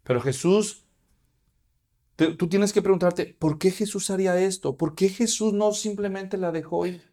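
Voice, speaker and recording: A man's voice: high-pitched, normal speed, mellow. A man, preaching a sermon as pastor and asking his congregation questions.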